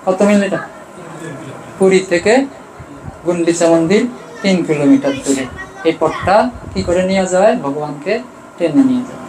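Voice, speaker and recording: A man giving a devotional sermon. He keeps asking questions and answering them himself, rising for emphasis and trailing off low. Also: moderate pace, pauses often, a little mellow, reverberant, slight background noise, low-quality recording. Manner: rises in pitch and volume for emphasis, trails off low. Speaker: preacher. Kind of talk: devotional sermon with chanted verses.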